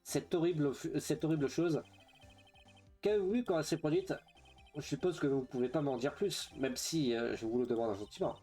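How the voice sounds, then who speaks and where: A man's voice: a little high, brisk, warm tone, soft background music. A man playing a video game, reading its dialogue aloud with hesitant asides and frequent fillers. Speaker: let's play streamer.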